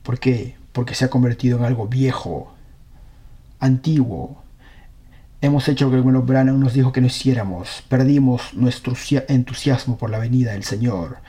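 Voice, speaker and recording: A man's voice: medium pitch, moderate pace, warm tone. A man preaching a sermon, reading scripture aloud and earnestly questioning his congregation.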